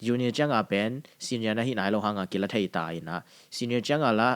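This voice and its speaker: At a normal speed and with a clean, mid-range voice, a man hosts a laid-back podcast interview. He peppers his eager advice with English phrases.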